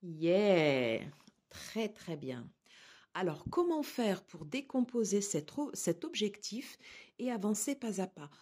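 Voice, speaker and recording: A woman giving a tarot card reading to her viewers, speaking gently and reassuringly with frequent hesitations. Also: medium pitch, big pitch swings, takes it slowly, slightly rough. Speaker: tarot reader.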